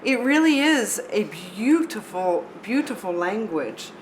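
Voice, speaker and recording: A middle-aged woman from North America, a native Spanish speaker fluent in English, hosts casually, telling expressive anecdotes and addressing listeners. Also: on the high side, measured pace, poor audio. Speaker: radio show host. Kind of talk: casual chatty interview. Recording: light background room noise.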